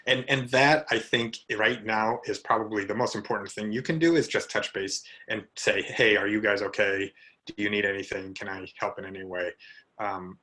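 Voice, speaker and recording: Low, bright-toned man hosting a meeting. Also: steady tone, normal speed, low-quality recording. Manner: friendly and encouraging, with fillers. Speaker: meeting host and special education presenter. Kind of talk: casual video meeting talk. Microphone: video call.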